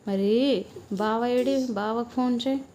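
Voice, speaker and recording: A woman's voice: on the high side, slow pace, warm tone, a little hiss or hum. A young mother, playfully coaxing and teasing her toddler at home at night in sing-song baby talk.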